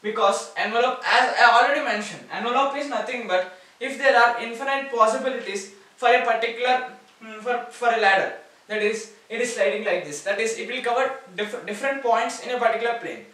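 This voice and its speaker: His voice is very high-pitched, brisk, bright and pushed as he lectures on maths at a whiteboard in an Indian English accent. Step by step, he repeats key words, captured from a distance in a room full of echo.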